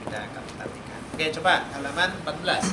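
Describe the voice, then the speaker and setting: Speaking very fast and expressively in a slightly high voice, a man quizzes students in a call-and-response Arabic class in a mosque study room. The recording comes from a roomy, noisy hall.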